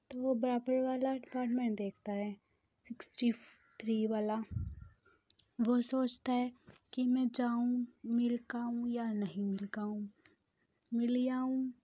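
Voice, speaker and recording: A woman reading fan fiction aloud in a plain, steady storytelling manner. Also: a little high, no room sound.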